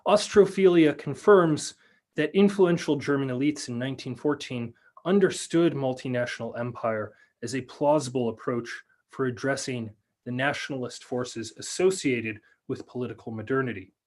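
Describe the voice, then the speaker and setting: Man, lecturer, measured academic delivery, fillers and restarts, video call, mid-range voice. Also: mid-range voice, darkish tone. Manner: measured, with many fillers and restarts when answering. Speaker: lecturer and researcher. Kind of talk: reading a prepared academic paper, then answering questions.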